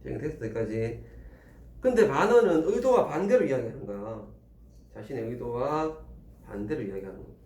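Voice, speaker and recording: A man teaching a classroom lesson, animated and teasing as he quizzes students. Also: mid-range voice, normal speed. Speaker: Korean language tutor. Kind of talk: classroom lecture. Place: small classroom. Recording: roomy classroom, faint ambience.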